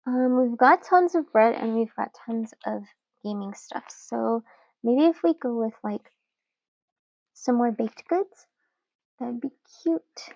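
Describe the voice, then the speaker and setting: Slow, chatty young woman journaling. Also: on the high side, no echo, lo-fi sound. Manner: relaxed, chatty, giggly, many fillers. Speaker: journaling channel host. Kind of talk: casual chat while journaling.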